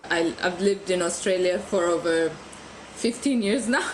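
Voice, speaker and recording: A woman from Ethiopia, in her thirties, speaking as a guest on a podcast, chatty and quick to laugh, with frequent restarts. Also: fairly low pitch, a crowd in the background, rough recording. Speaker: guest photographer. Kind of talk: casual podcast interview.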